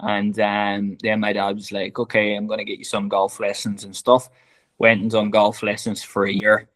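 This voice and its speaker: As a podcast guest in a relaxed interview, a golf director from Northern Ireland speaks in his Northern Irish accent with earnest, heartfelt sincerity, often saying "very much like". His delivery is completely flat at normal speed, his voice fairly low and a bit bright.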